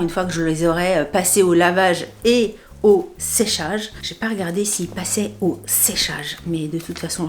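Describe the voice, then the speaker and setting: A woman's voice: medium pitch, a little mellow. A woman chatting casually through a clothing try-on haul, talking to herself and laughing often. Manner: playful sound effects and filler words. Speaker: fashion haul vlogger.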